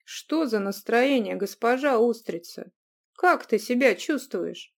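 A woman voicing a teasing, bossy young man who talks in a brash, mock-gruff way. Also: fairly high pitch, lively intonation, takes it slowly, exaggerated voice. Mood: worried.

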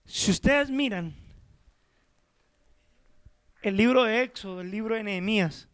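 A man's voice: high voice, unhurried, fairly bright tone, smooth. A male pastor preaching a sermon, pressing his listeners with rhetorical questions and calling them brother.

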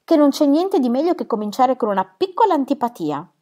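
A woman's voice: sits high, big pitch swings, a little fast, dark tone, pitched above the performer's own voice. A woman reading as a wry, ironic young woman.

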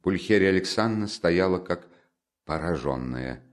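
A man reading a classic novel aloud as an audiobook narrator, measured and even. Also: low voice.

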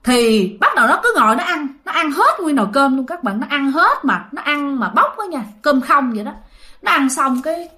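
With a high, sing-song voice and a sharp tone, a woman with a Southern Vietnamese accent tells a ghost story at a moderate pace. She chats casually and speaks straight to her listeners.

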